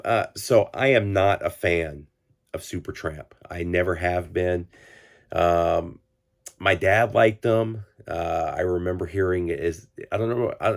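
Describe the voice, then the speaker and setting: A vinyl collector channel host in his 40s rambles casually through a record-collecting vlog, his deep voice congested and full of vocal fry as he recovers from illness. His talk is loaded with fillers and restarts.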